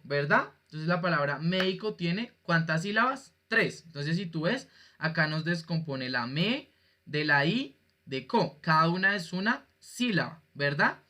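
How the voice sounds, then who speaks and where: A man's voice: fairly high pitch, lively intonation, unhurried, pushed and bright. A male teacher giving an online class, patient and jokey, quizzing his students as he explains. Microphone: video call.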